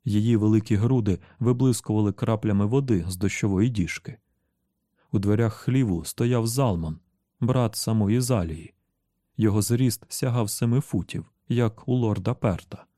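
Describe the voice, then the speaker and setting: Low, mellow male audiobook narrator. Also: no echo, clean studio sound. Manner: steady, measured reading.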